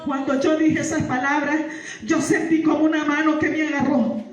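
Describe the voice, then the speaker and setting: A woman gives a church testimony, her voice ringing through a very reverberant hall. She stands well back from the microphone, so the sound is distant. She keeps repeating her phrases and calling out praise, building into fervent shouts. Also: high voice, little pitch movement, moderate pace. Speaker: testimony giver. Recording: echoey hall, far from mic.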